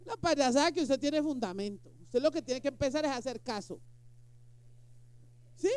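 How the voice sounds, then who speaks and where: High-voiced woman preaching. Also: animated, normal speed, a little mellow, no echo. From Colombia. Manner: emphatic, rhetorical questions to the congregation. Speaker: pastor. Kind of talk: sermon.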